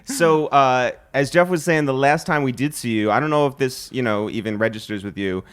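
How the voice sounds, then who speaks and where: A man's voice: medium pitch, brisk, fairly bright tone, smooth. Man steering a casual podcast chat. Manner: conversational, steering questions. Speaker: podcast host.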